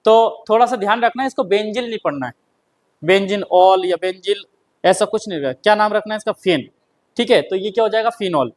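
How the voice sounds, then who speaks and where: This is a high-pitched, expressive male chemistry teacher with a Hindi accent, giving a lecture and dictating notes. Repeatedly he quizzes the class and supplies the answers on his own, saying key terms slowly more than once.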